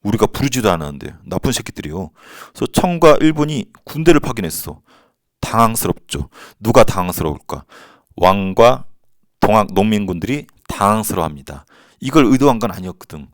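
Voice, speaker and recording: A man's voice: lowish voice, no room sound, studio quality. A man teaching a history lesson to students in a casual, slangy and playful way. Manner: slangy, playful, acts out quotes.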